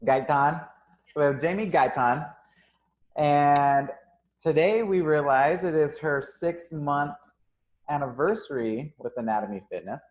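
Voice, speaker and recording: A young gym owner hosts a casual live interview, upbeat and full of ums and uhs. He speaks a little slowly in a slightly high voice.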